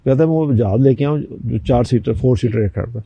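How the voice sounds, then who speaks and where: A man's voice: mid-range voice, creaky, breathy edge, no room sound, lo-fi sound. An older man from Pakistan, a talk show guest, telling a personal anecdote and acting out the people in it. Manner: animated anecdote telling with quoted voices.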